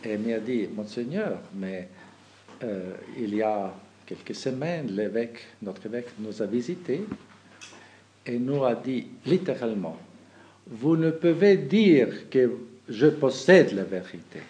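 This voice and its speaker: Slow-talking bishop. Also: male voice, mid-range voice, lively intonation, dark tone, slight background noise. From Kazakhstan. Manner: halting, many restarts and fillers, laughs at own anecdotes. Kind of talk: talk to the faithful.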